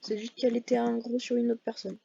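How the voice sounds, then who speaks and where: A woman's voice: a little high, little pitch movement, fast, vocal fry, warm tone, dull audio, slight background noise. A woman giving casual, hesitant commentary over her gameplay, full of fillers and self-corrections. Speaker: gaming video creator.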